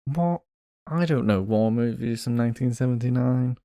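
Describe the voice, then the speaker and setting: A man's voice: medium pitch, moderate pace, dark tone, no room sound, studio quality. A man co-hosting a casual podcast chat, guessing aloud in a playful way with lots of hesitation. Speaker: podcast co-host.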